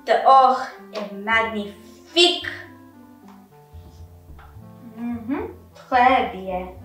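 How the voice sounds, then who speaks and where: A woman's voice: fairly high pitch, expressive, very slow, a bit bright, heavily acted. A woman playing a flamboyant, haughty, scatterbrained French hairdresser in a children's skit, theatrical, with a French accent and French words mixed in. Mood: fussy, delighted. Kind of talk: children's pretend-play skit. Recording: echoey room, distant mic, music behind.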